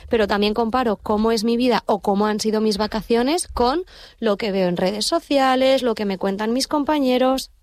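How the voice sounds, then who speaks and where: A woman from Madrid, a psychologist, explaining ideas on a radio show in a lively, confident way. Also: on the high side, moderate pace, no echo, clean studio sound. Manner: lively, explanatory, sure of herself. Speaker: psychologist guest. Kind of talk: casual radio chat. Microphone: studio microphone.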